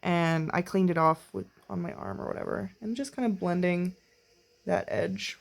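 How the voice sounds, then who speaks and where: Excitable chatty woman vlogger. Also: lowish voice, moderate pace, gravelly. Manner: chatty and excitable, rambling with sudden bursts. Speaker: beauty vlogger. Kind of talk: casual makeup tutorial. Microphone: camera mic while filming herself.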